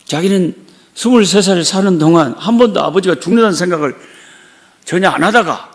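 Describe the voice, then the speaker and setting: A middle-aged male pastor delivers a sermon in a church, slipping into the voices of the people in his story as he tells it. His voice sits a little high for a man and has a gravelly, fry-heavy texture. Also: expressive, brisk. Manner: storytelling, acting out quoted voices. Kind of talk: sermon with personal testimony. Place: church sanctuary.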